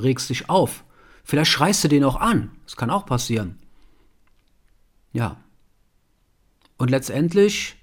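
His pitch sits fairly high. The man chats through a self-help talk addressed to the listener, firing off rhetorical questions and finishing statements with a questioning "ja?".

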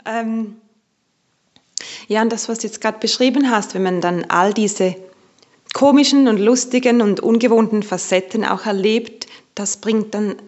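A woman's voice: medium pitch, moderate pace, darkish tone, lo-fi sound. A woman hosting a podcast interview, attentive and affirming. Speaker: podcast host.

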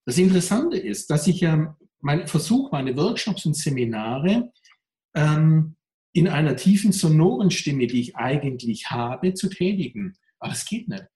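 A man in an interview answers thoughtfully and at length. His voice sits somewhat high and sounds pressed from a tight neck. The room gives it a noticeable echo. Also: very animated, normal speed, mellow. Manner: reflective, speaks of a strained, pressed voice. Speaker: coach and workshop speaker. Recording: roomy echo.

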